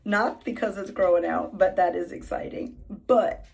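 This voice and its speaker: A woman chatting in a casual vlog, bubbly and excitable, sometimes dropping into hushed asides. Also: mid-range voice, moderate pace, creaky, slightly rough. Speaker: vlogger.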